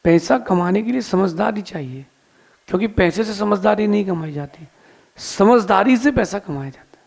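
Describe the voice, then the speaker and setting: A man with a high-pitched voice and a gravelly edge delivers a sermon as a Jain monk. He tells a story, voicing the characters' lines, then turns to plain advice for his listeners. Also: lively intonation, normal speed, darkish tone.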